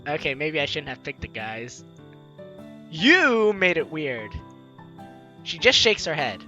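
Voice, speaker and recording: In a muffled recording, a young man takes it slowly as he hosts a let's play in a fairly high voice. He reads game dialogue aloud playfully and chats casually, animated throughout, while game music plays behind him.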